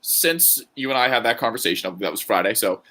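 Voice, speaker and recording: A man's voice: mid-range voice, expressive, a little fast, sharp tone. A man co-hosting a podcast in casual banter, joking and rambling with frequent laughs. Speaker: podcast co-host.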